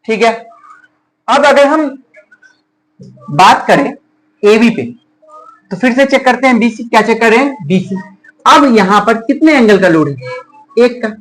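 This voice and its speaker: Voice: medium pitch, animated, measured pace, long pauses, fairly bright tone, a little hiss or hum, low-quality recording. Teacher drilling pupils with repeated questions. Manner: call-and-response questioning, repeats each answer back; addresses pupils as children and dear. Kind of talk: classroom math lesson.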